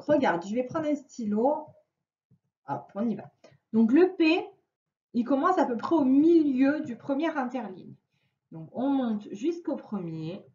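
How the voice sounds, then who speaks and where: A woman teacher giving a slow, clearly spoken lesson to children, stretching out each word. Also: sits high, a little mellow. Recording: echoey room, dull lo-fi sound.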